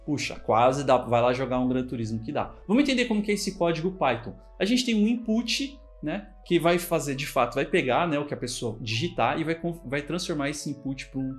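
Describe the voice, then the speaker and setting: This coding tutorial comes from a man with a Brazilian Portuguese accent whose voice sits on the high side, animated and brisk with few pauses. He explains the code casually in a screen recording, frequently checking in with the viewer, while faint music plays behind him.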